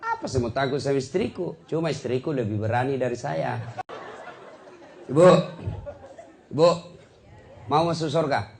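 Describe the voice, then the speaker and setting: A man giving a humorous sermon, animated and teasing, swinging his voice for emphasis. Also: medium pitch, moderate pace, creaky, long pauses, a crowd in the background, noisy background. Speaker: preacher.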